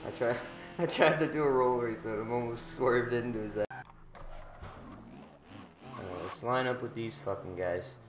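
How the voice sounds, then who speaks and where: A man's voice: medium pitch, moderate pace, long pauses. Slangy frat-bro young man, roomy echo. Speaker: gamer recording a gameplay video. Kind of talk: casual gameplay commentary. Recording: roomy echo, engine noise behind. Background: racing game car sounds.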